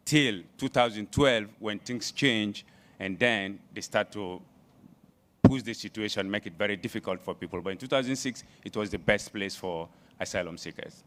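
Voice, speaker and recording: A man in his late thirties with a low voice and a West African accent. He tells his own story to a conference audience as a student panelist. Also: normal speed, fairly bright tone, a little hiss or hum. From Ivory Coast. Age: late 30s. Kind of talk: personal account at a panel.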